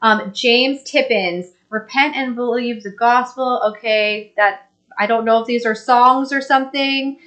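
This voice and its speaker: A woman's voice: fairly high pitch, unhurried, a bit bright. A young woman co-hosting a casual live stream, reading viewer comments aloud and laughing easily. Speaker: co-host reading live chat.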